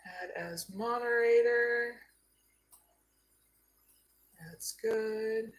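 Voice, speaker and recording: A woman from Arizona giving a live card reading, slow and soothing, often checking in with "okay?". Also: a little high. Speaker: psychic card reader.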